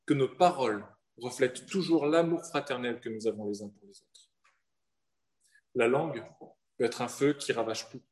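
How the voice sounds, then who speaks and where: A man from southern France preaching a sermon in an earnest manner, with rhetorical questions and slowed-down emphasis. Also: medium pitch, darkish tone. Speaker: pastor.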